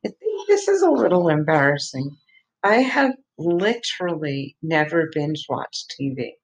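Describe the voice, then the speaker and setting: A middle-aged woman talks alone, chatty and digressive, laughing at herself as she goes. Her voice sits a little low and stays flat and monotone. She takes her time, drifting slowly from one thought to the next. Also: rough recording. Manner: chatty, self-deprecating, digressive. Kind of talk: rambling solo monologue.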